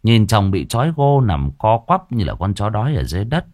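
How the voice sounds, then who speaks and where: A man tells a ghost story with lively expression. His voice is very low, and his pitch rises and falls a lot. The recording is dry and close. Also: fairly quick, no room sound. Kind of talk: dramatic ghost story narration.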